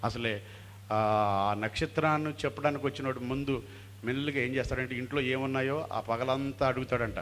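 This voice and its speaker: A man preaching a sermon, calling for hallelujahs and mixing in English phrases, swinging from loud to hushed. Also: medium pitch, fairly even intonation, fairly quick, slight background noise. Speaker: pastor. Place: function hall.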